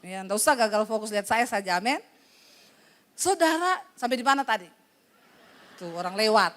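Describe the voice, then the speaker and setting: High-voiced woman pastor preaching. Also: normal speed. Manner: lively, jokes with the congregation, retells conversations. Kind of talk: sermon.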